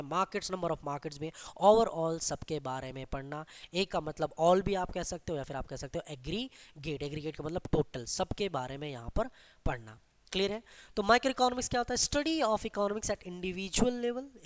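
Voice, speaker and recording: An economics teacher leading an exam-prep class. The teacher keeps asking the class questions and answering them, then slows down to dictate definitions. The voice sits at a middle pitch. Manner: mixes English terms into Hindi explanation.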